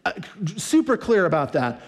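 A male pastor with a high voice preaches to his congregation in a loose, conversational way, often restarting a phrase and acting out quick quotes. A long reverb from the large hall trails after each phrase. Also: huge pitch swings. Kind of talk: sermon.

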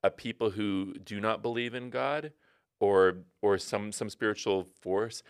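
A man's voice: on the low side, measured pace, clean tone. A middle-aged man, a pastor co-hosting a podcast, speaking thoughtfully with frequent restarts. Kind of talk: casual podcast conversation.

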